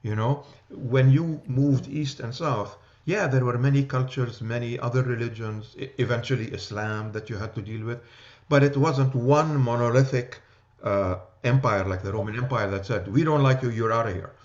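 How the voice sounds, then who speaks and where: A man's voice: medium pitch, normal speed, hardly any pauses, darkish tone, dull audio. A man with a New York accent teaching an adult church class, talking loosely and checking in with "okay?" and "right?". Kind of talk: church class lecture with discussion.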